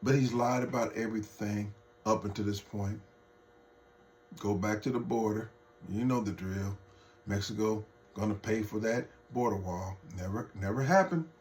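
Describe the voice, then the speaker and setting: A man's voice: medium pitch, darkish tone, a little hiss or hum. A man delivering an off-the-cuff political rant to his viewers, heated, mocking and profane, addressing them as folks. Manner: talks straight to viewers as folks. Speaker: political vlogger.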